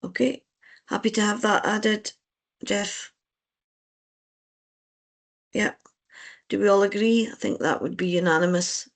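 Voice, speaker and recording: Convener with a gravelly voice. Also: mid-range voice, steady tone. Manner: procedural, measured, polite. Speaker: licensing board convener. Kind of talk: formal meeting chairing.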